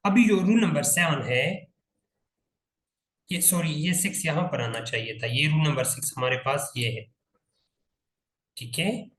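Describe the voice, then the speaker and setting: Male grammar teacher, slow and methodical, spells words out and checks understanding; recorded in a roomy, echoing space. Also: on the high side, a bit bright. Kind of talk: classroom grammar lesson.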